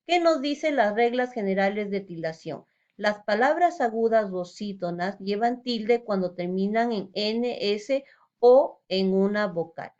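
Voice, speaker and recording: A woman's voice: a little high, a little mellow, lo-fi sound. Patient woman teaching a spelling lesson. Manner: patient, explains step by step with rhetorical questions.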